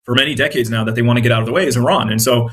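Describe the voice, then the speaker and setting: Speaking very fast, this man has a mid-range, fairly bright voice with a breathy edge and fairly even intonation. An Iraqi-born independent journalist and content creator who grew up in the United States, he answers interview questions conversationally in an American accent, earnest in his explanations.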